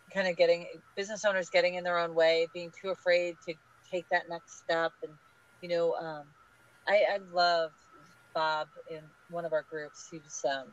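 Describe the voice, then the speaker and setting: A woman guest on a podcast interview, talking in an energetic, emphatic, advice-giving way. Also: on the low side. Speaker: guest, small business group leader. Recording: dull lo-fi audio.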